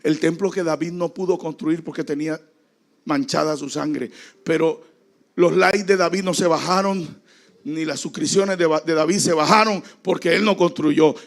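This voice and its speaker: A man preaching a dramatic sermon as a pastor, acting out the voices in the story and rising now and then to a shout. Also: a little high. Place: church.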